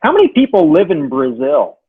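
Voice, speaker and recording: A man's voice: fairly high pitch, wildly swooping pitch, moderate pace, husky. A man telling dad jokes in a joke battle, posing a question and giving the answer, in slightly dull sound.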